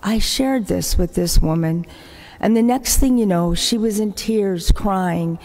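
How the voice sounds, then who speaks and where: A woman's voice: mid-range voice, a little slow. An older woman, a religious sister, telling stories of her community's work in an appeal at Mass, acting out the people she quotes. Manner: warm-hearted anecdotal storytelling, acts out quoted voices. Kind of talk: storytelling church appeal. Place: large church. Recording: echoey church hall.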